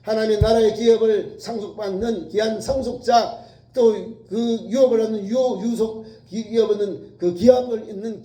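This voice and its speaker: High-pitched, mellow-voiced male pastor preaching. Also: poor audio. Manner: emphatic preaching with repeated phrases and acted-out quotes. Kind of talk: sermon.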